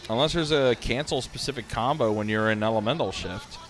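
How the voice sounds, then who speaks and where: A drowsy streamer, yawning as he goes, offers relaxed commentary on fighting game matches, musing out loud and leaning heavily on fillers. He speaks at a medium pitch and a little fast.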